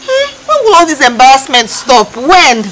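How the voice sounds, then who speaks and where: A woman playing a poor village daughter who talks in an excitable, scolding way. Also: high-pitched, normal speed, a little hiss or hum. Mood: agitated.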